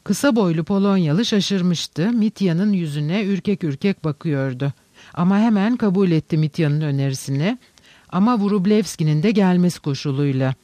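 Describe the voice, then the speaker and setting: A man narrating a novel in a steady, even storytelling manner. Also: high-pitched, moderate pace, dry recording. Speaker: audiobook narrator. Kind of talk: scripted literary narration.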